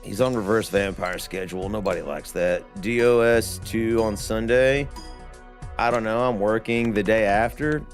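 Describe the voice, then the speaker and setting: A man's voice: lowish voice, normal speed, faint music behind. A man hosting a casual gaming stream, rambling and laughing as he chats. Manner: rambling, laughs often, drawling asides. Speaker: stream host.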